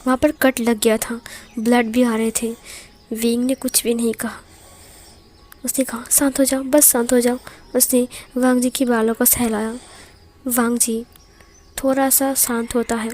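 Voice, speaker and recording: A woman's voice: on the high side, flat delivery, a little slow, long pauses, darkish tone. A woman narrating a romance story in a casual, conversational way, dropping in English words. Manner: conversational, mixes English words, some stumbles.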